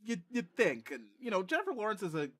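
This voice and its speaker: Bright-voiced man chatting casually. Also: high-pitched, big pitch swings, quick pace. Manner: chatty, laughs often, lots of fillers. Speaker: podcast host. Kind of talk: casual chat.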